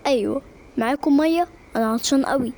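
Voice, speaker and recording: A woman voicing a strange, mysterious old man in an animated story, speaking slowly and calmly. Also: high-pitched.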